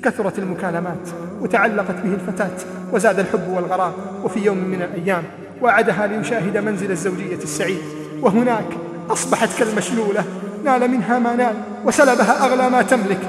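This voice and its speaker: A man giving an emotional sermon, telling a moral story dramatically and rising into chanted, near-shouted pleas. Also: high voice, steady tone, fast. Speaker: preacher. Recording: echoey hall recording.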